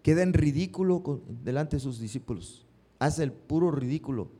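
A man's voice: on the high side, normal speed, husky. A man preaching a sermon, often stopping to put questions to his congregation. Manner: asks the congregation questions, lively rising emphasis.

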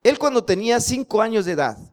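A man's voice: high voice, very animated, fast talker. A man preaching a sermon, telling stories and asking the congregation rhetorical questions.

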